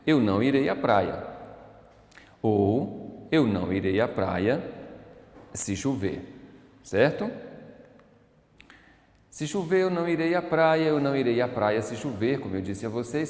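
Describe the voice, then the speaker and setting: A male English teacher with a Brazilian Portuguese accent, explaining grammar slowly and drawing out his example sentences. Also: medium pitch, lively intonation, a little mellow. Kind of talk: recorded online lesson. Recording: roomy echo with long reverb.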